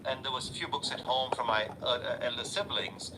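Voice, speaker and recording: A man's voice: medium pitch, fairly even intonation, a little fast. A man from India, giving thoughtful, reflective interview answers. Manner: thoughtful, with many fillers and restarts. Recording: interview with loud background noise.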